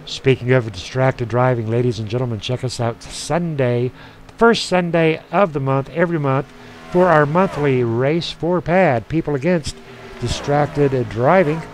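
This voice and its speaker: Heard through poor audio with slight hiss or hum, a sim racing announcer with a mid-range male voice gives easygoing play-by-play of an online truck race, chatting in asides between the action.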